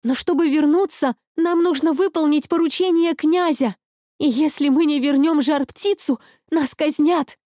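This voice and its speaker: A woman voicing a desperate young heroine, high and pleading. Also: moderate pace, darkish tone, dry recording, clean studio sound, natural voice. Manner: pleading, urgent, raised voice. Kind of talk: audiobook reading.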